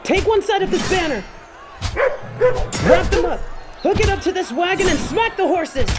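A woman's voice: very high voice, expressive, moderate pace, loud music behind the voice. A woman voicing a stern, confident tiger kung fu master in an audio roleplay, with a wry, commanding, matter-of-fact manner. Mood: urgent. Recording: clear ambient sound effects behind voice.

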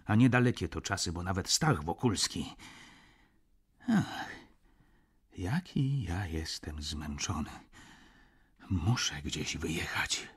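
A male audiobook narrator with a low, husky voice. He reads a first-person account in a measured, reflective way. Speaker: audiobook reader.

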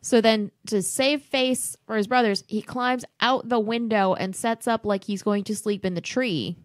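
A woman's voice: fairly high pitch, unhurried, no echo. Young woman podcast co-host, blunt and sarcastic, swears a lot, dry close recording. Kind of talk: casual film-discussion podcast chat.

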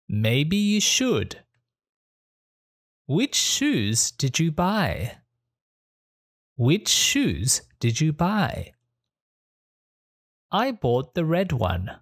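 A speaker reading short English questions and answers slowly and clearly, saying each line twice for learners. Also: medium pitch, no room sound, clean studio sound. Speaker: English teacher. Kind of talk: slow repeated phrase reading for learners.

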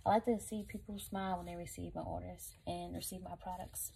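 A woman's voice: on the low side, level tone, fairly quick, creaky, dark tone, husky. A woman vlogger chatting casually to viewers while she packs up orders from her online shop, talking in a loose, slangy way.

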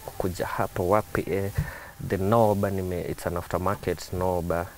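A Kenyan man showing the interior of his modified car in a casual interview, eager and quick to say yes, recorded inside a parked car. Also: sits low, fairly even intonation, noisy background. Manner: eager, repeats "yes" often. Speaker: car enthusiast guest. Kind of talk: casual interview, mixing English and Swahili.

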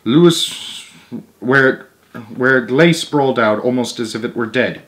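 This young adult reads a children's story at a measured pace, his mid-pitched voice telling it expressively between casual asides. He is recorded indoors at home by a camera positioned a little distance away.

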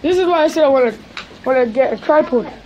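A teenage vlogger, jittery and excitable, talking to a handheld camera while exploring a derelict house. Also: female voice, sits high, fast, highs cut off. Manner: jittery, excitable, says yo a lot. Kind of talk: casual vlog narration while exploring. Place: outdoors and inside a derelict house. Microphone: handheld camera at arm's length. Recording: noisy handheld camera audio.

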